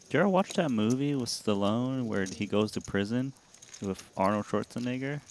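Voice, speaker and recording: A man's voice: medium pitch, lively intonation, moderate pace, a little mellow. A man co-commentating on poker in a casual, playful, mock-serious way from a booth. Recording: faint background noise.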